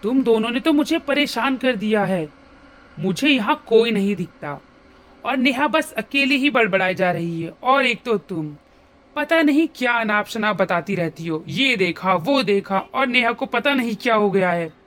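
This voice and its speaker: A woman playing a furious shouting father. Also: sits high, animated, measured pace. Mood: angry shouting. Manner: shouting, scolding, dismissive. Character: furious frustrated father, middle-aged man.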